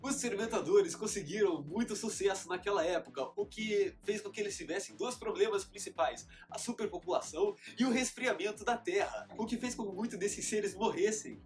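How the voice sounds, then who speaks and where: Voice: mid-range voice, fairly quick, few pauses, soft background music. A teacher host giving a playful scripted lesson in the manner of a children's show presenter.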